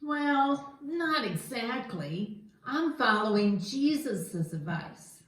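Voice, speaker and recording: A woman's voice: fairly high pitch, big pitch swings, slow pace. A woman voicing a naive, snack-loving male puppet in a church skit, earnest and literal-minded. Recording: echoey room.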